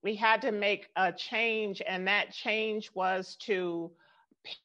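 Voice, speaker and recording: A woman from Southern California presents earnestly on an online call, filling her pauses with ums. Her voice keeps cutting in and out as the weak internet connection drops it. The call audio is dull and lo-fi, coming through a computer mic. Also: mid-range voice, fairly even intonation, bright, forceful tone. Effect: voice cutting in and out over a weak internet connection. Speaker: solar company presenter. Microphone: computer or laptop mic on a video call.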